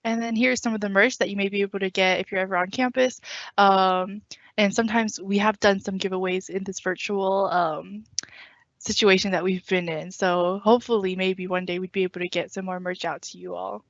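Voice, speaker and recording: A woman's voice: medium pitch, fairly even intonation, fairly quick, dry recording. Woman student organizer on a zoom, casual, dry muffled audio. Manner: casual, trails off softly, cues next slide. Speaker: student event organizer presenting. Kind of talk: virtual orientation presentation. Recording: dry, dull lo-fi call audio.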